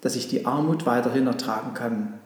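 A man's voice: medium pitch, a little fast, natural voice. Guy doing weary old ex-robber, longing, echoey big room. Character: eldest reformed robber, weary.

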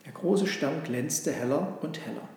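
A man reads a storybook aloud in a steady, even way. His voice is gravelly and a little high. It is recorded in a large hall with a long, echoing reverb. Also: unhurried. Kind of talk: storybook reading.

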